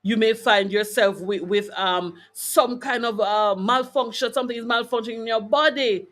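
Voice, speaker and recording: Slightly high-pitched and fairly bright, speaking at normal speed, this Jamaican woman hosts a wellness show live online. Her motivational health talk is informal and emphatic, dotted with quick tag questions to her audience.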